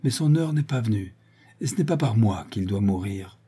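Man reading as a vengeful older woman in an audiobook: hoarse, clipped, quiet menace, husky low timbre. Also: animated, moderate pace. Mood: hissing hatred.

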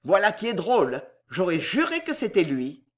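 A reader voicing a gruff, blunt young manservant who scolds and threatens loudly in an audiobook. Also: mid-range voice, wildly swooping pitch, moderate pace. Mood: wry. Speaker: character in an audiobook. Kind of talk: audiobook character reading.

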